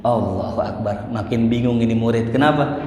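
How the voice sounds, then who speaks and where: A man preaching in casual storytelling style. He talks in a lively, colloquial way and acts out the voices of the people in his stories. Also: medium pitch, moderate pace, a little hiss or hum. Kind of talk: sermon storytelling. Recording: echoey hall.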